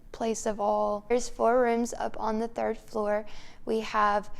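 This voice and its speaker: A woman with a creaky, medium-pitched voice co-hosts a vlog, telling a story in a casual, matter-of-fact way. She's speaking from a room inside an old mansion.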